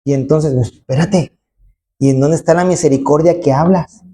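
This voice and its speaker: This preacher's mid-range voice is steady and mellow, moving at a normal speed with slight background noise behind it. His sermon to the church congregation is emphatic, full of rhetorical tag questions and acted-out quotations.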